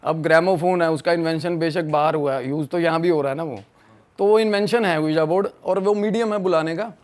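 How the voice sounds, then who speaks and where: A man's voice: fairly high pitch, fairly quick. A young man from Punjab, a podcast guest telling a ghost story in a casual chat, acting out his friends' lines. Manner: animated, acts out friends' quotes.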